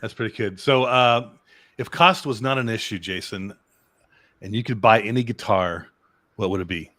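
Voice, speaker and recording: A man hosting a casual interview, asking short, quick-fire questions. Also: on the low side, a bit bright. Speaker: interview host.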